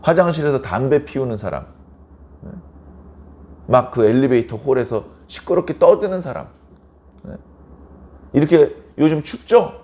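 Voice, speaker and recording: At an early-morning sermon, a male pastor speaks in a warm, mellow voice with widely swinging pitch, at a measured pace with long pauses. Keeping things conversational, he fires rhetorical questions at the pews and slips into short, lively acted-out quarrels to make his point.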